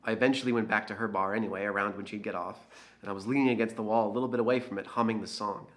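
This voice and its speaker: A man's voice: on the low side, steady tone, racing, close to an everyday voice. An actor playing a resentful, slightly drunk man, confessing in a dramatic monologue. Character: resentful, tipsy man who frightens a woman.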